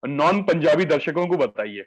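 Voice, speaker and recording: Guy hosting a celeb interview, slightly high voice, lots of uhs, wordy polite questions. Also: lively intonation, moderate pace, rough recording. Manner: formal, flowery questions with many "uh" fillers. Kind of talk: entertainment interview.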